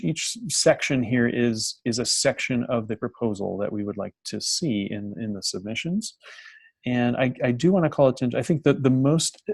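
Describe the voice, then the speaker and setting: Gravelly man on a video call. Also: medium pitch, a little mellow, no echo. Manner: halting, restarts his phrases often. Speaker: program coordinator presenting an information session. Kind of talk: presenting to an online audience.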